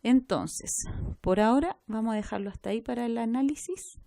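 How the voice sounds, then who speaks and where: Mellow-voiced woman teaching. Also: on the high side, lively intonation, moderate pace, gravelly, dry recording. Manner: explains step by step, checks with "¿ya?". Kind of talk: recorded class lecture.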